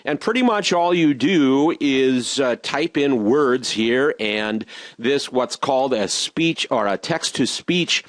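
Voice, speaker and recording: A man teaching robotics in a screen-recorded software tutorial, walking through each step patiently and repeating reminders. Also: medium pitch, animated, slow, no echo.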